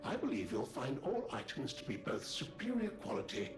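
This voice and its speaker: A polite puppet butler. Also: male voice, medium pitch, huge pitch swings, moderate pace. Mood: courteous. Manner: formal, deferential salesman patter. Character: polite male puppet butler, formal and courteous. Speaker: major domo of a luxury shop. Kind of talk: video game character dialogue. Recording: roomy game audio with music behind.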